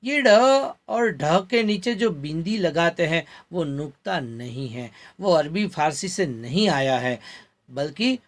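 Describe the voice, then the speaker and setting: A man's voice: fairly high pitch, lively intonation. A middle-aged man teaching a Hindi grammar lesson from slides, carefully repeating each example word to show its pronunciation. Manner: slow, deliberate, repeats example words for pronunciation.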